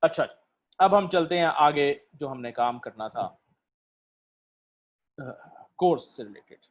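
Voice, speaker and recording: A male lecturer, teaching a literature class online, explaining slowly with many pauses and fillers and putting questions to his students. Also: fairly high pitch, lively intonation.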